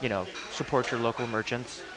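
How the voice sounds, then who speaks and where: A man's voice: mid-range voice, steady tone, fairly quick, a crowd in the background. A man co-hosting a radio show, chatting loosely about local events with lots of fillers and jokes. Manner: rambling, joking, many fillers and restarts. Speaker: radio co-host.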